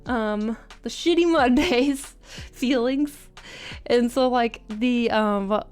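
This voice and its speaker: A woman's voice: on the high side, slow pace, a little mellow, clean tone. A woman chatting informally on a livestream and reading out viewer comments in a giggly, self-deprecating way. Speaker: art livestreamer. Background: music.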